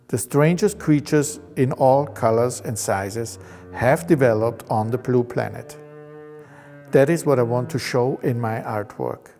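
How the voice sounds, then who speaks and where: Guy in his fifties, takes his time, reverby room, quiet instrumental music behind. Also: medium pitch. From Austria. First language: German. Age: 50s. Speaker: painter. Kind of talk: reflective personal narration.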